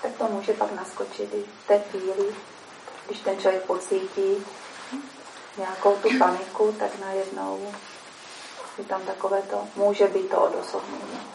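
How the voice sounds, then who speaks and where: Woman, steady explainer, gravelly and flat delivery; echoey, far-off mic. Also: mid-range voice. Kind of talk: calm explanatory talk. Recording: echoey room, mic far off, faint noise.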